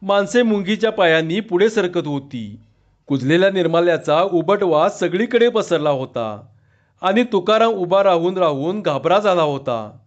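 A man reading a story aloud, narrating in a measured, expressive way. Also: high voice, muffled recording.

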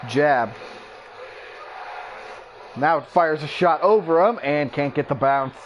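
Male gaming creator with a high voice, casting as a play-by-play sportscaster, brisk clipped calls, excitable on big moments. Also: muffled recording, a little hiss or hum. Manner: excitable, voice jumps up on big plays. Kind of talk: mock play-by-play basketball commentary.

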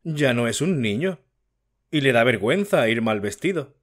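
A man voicing a timid middle-aged mother who pleads gently on behalf of her son in an audiobook story. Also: medium pitch, lively intonation, moderate pace, natural voice. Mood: pleading.

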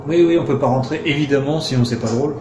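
A man commenting on a video game he plays, joking and sarcastic, breaking into excited outbursts. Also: medium pitch, quick pace, background noise. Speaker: let's play commentator. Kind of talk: casual gameplay commentary. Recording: roomy sound with game music behind.

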